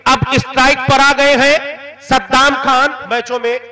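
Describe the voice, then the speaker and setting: A man calls cricket live in an excited manner. His voice is very high and bright, with a forceful edge. He follows each ball and lifts into shouts for the big hits. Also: unhurried, reverberant, distant mic. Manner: excited, rising shouts on boundaries. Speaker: cricket commentator.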